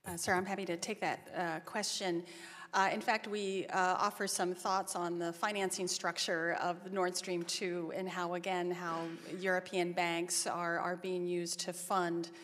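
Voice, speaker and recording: Lowish-voiced woman testifying in a hall. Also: little pitch movement, a little slow, a bit bright. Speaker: expert witness. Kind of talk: formal testimony. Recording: reverberant hearing hall.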